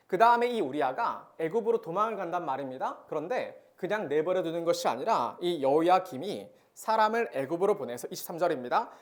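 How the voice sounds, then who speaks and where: A young adult man preaching to a youth service as pastor. He talks in a plain, conversational way, asks many rhetorical questions and reads scripture aloud in a measured tone. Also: sits high.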